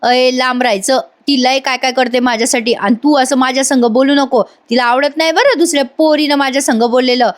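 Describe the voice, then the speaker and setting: A woman's voice: high voice, fairly even intonation, brisk, few pauses, lightly acted. A woman voicing a rustic young male mechanic who boasts about his tough girlfriend. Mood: boastful.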